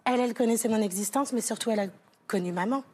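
A woman's voice: a little high, very fast, dark tone. A woman from France, a talk show guest, telling an emotional personal story, rambling with fillers and restarts. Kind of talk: studio interview, personal story. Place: TV studio set.

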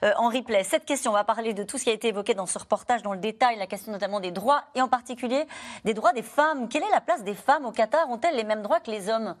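A woman's voice: on the high side, fast. A woman hosting a TV debate, asking probing questions and interjecting to clarify. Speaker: TV debate host. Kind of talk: studio panel moderation.

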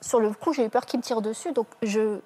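Woman telling her story in an interview, kinda husky, fairly high voice, stops and restarts a lot. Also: warm tone. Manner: halting, with many restarts and self-corrections. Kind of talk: personal testimony.

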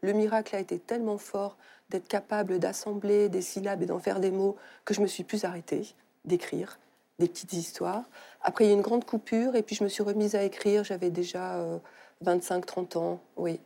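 Middle-aged woman, novelist guest; mellow, unhurried, searching for words. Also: mid-range voice, fairly even intonation, vocal fry. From Algeria. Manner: thoughtful, halting with many fillers. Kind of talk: studio talk show conversation.

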